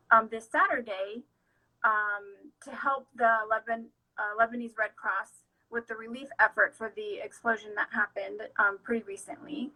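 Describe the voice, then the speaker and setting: A woman's voice: a little high, pushed and bright, rough recording. A woman hosting a casual chat in her shop, speaking enthusiastically with many fillers. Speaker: shop owner and host.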